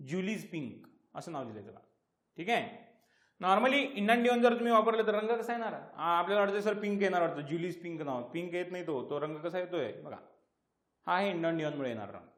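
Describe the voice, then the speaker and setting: High-voiced Marathi man teaching in an echoey room. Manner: asks questions and answers them himself, repeats key terms. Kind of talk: exam-prep lecture.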